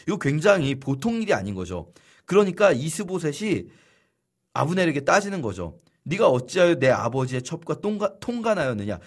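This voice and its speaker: A man teaching a Bible study lesson in a lively storytelling way, acting out the figures' lines. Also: fairly high pitch, husky.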